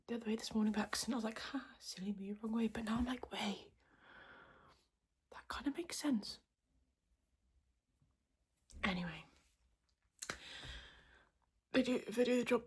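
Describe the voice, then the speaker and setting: A woman podcast host whispering in a hushed, quiet voice so as not to wake anyone, chatting casually in a rambling, self-deprecating way. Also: on the high side. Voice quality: whispered, breathy voice. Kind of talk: casual chat to podcast viewers.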